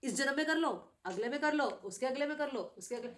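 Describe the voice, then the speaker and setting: A middle-aged woman teaching a devotional scripture class, animated and quizzing her students with frequent tag questions. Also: sits high, brisk. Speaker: spiritual teacher.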